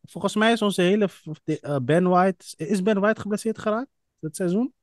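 Casting: male podcast host, joking, unhurried delivery, dry studio sound. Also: high voice, no echo. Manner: playful teasing, drawn-out words. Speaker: podcast host leading the player list. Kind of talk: casual chat among friends.

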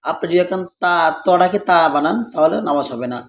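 A man teaching correct Quran recitation, reciting verses slowly syllable by syllable and explaining the pronunciation rules. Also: high-pitched, reverberant.

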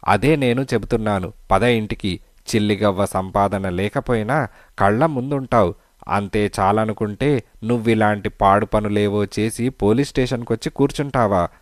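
A man's voice: fairly low pitch, normal speed, dry recording, clean studio sound, lightly acted. A man voicing a fierce, domineering wife who scolds her husband. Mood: scolding.

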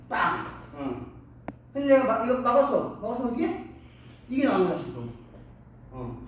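A man's voice: sits high, distant mic, slight background noise. A middle-aged man coaching boxing hands-on, giving short punchy commands and calling out punch sounds. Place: boxing gym. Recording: echoey gym, mic from afar.

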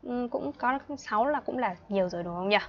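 A woman in her twenties with a Northern Vietnamese accent teaches an online English class for young children. Her voice is on the high side, and she is patient, chatty and playful, laughing often and repeating words slowly. The sound is lo-fi.

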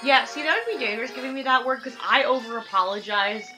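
A woman's voice: on the high side, quick pace, rough recording. Giggly woman chatting over a game. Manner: giggly, self-deprecating. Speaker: let's play co-host. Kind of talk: casual gameplay chat. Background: loud game music.

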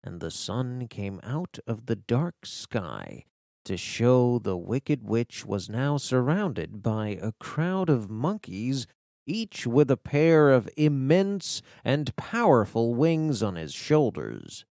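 A man's voice: mid-range voice, gravelly, no room sound, clean studio sound. A man reading a children's fantasy story aloud as an audiobook narrator. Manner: slow, animated storytelling. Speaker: audiobook reader.

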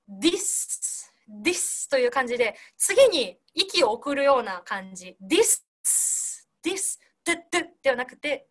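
A woman teaching singers in an online class, explaining gently and demonstrating breath and consonant sounds over a video call. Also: on the high side. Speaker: singing teacher.

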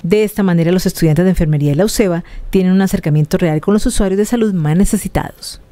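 News reporter voice-over, fast, mellow, dark timbre. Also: mid-range voice. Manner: brisk, even reporting tone.

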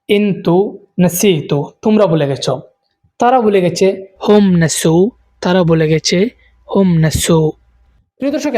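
A man teaching spoken Arabic to Bangla speakers, repeating each phrase slowly and translating it. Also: high-pitched, dark tone. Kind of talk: language lesson.

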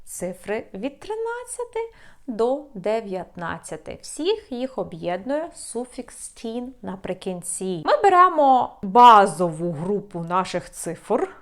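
A woman teaching an online English lesson, giving slow, clear explanations and drilling English number words. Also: mid-range voice, very animated.

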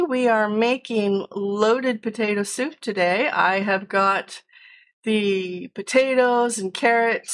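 American woman, cooking stream host, chatty and explanatory, slow easy delivery. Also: mid-range voice. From United States. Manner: chatty, explains steps while cooking and answers chat. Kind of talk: casual cooking livestream chat. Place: home kitchen.

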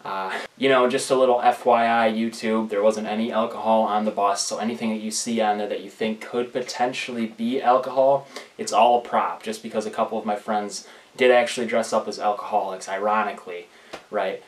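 A young man vlogger talking casually in a rambling, deadpan way. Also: lowish voice, a little fast. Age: young adult. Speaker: vlogger and prank caller. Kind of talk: casual prank call and vlog chat. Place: small room indoors at home. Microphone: camera a few feet away. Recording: roomy echo, distant microphone.

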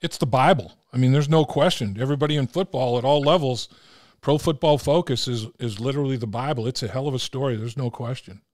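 Older male host, mid-pitched, encouraging and casual, recorded dry. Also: darkish tone, dry recording. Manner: affirming, quick encouraging interjections. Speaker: podcast host. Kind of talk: casual interview.

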